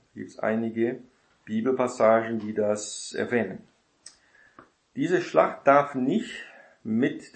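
A man leads a Bible study in a relaxed lecture style, frequently tacking on a quick tag question to make sure listeners are following. His pitch is medium, and the room sounds echoey.

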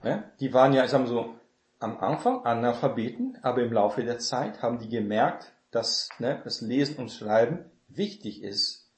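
A man preaching a conversational sermon, often checking with the congregation through quick tag questions. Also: medium pitch, very animated. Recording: echoey room.

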